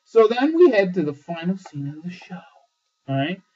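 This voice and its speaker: A man hosting a casual TV episode review, excitable and swearing often, with lots of fillers. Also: sits high, moderate pace. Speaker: host. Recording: dull lo-fi sound, distant mic.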